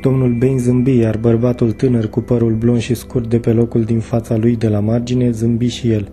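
A man narrating an audiobook excerpt in a steady, measured reading. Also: mid-range voice, a little hiss or hum. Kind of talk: scripted narration. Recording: faint background music.

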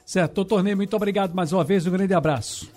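A man hosting a radio call-in show, greeting callers by name in a brisk, friendly way. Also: high-pitched, a little mellow, soft background music. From Brazil. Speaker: radio host.

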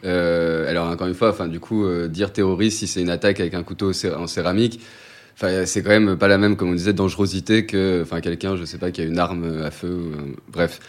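A man co-hosting a community radio show from France, talking fast and slangy in a casual political discussion. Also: low-pitched, fairly even intonation.

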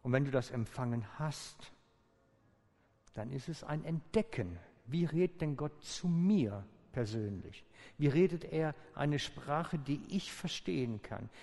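A male pastor with a gravelly, mellow voice preaches in a calm, inviting way, slowing and pausing deliberately. His words ring out with a long reverb in a large church hall. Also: on the high side. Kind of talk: sermon.

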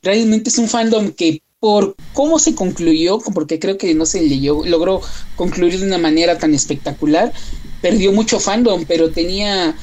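A woman's voice: fairly low pitch, moderate pace, darkish tone, a little hiss or hum, poor audio. A woman giving casual commentary in conversation, leaning on emphatic repeated words. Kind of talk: casual film and fandom commentary.

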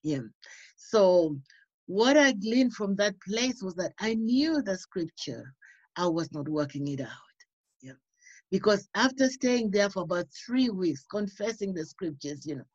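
A woman's voice: on the low side, expressive, a little slow, a little mellow, breathy edge, dry recording, lo-fi sound. A woman from Uganda, a radio guest, earnestly telling her faith story with frequent "you know". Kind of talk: personal testimony.

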